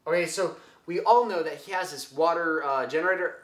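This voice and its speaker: Excitable young man with an echoey sound. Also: on the high side, fairly quick. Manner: excitable, rambling, full of fillers, acts out quotes. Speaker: book vlogger. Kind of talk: casual book review vlog. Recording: echoey room.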